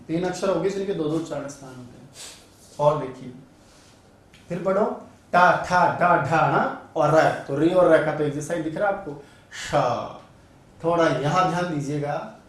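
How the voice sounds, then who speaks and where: A male Sanskrit teacher giving an online grammar lesson, drilling sounds aloud and asking and answering his own questions. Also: a little high. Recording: very echoey room, voice a bit far from mic.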